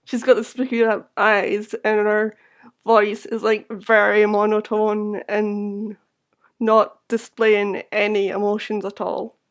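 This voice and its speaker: A woman acting as game master, improvising narration for a tabletop game in halting phrases. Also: mid-range voice, level tone.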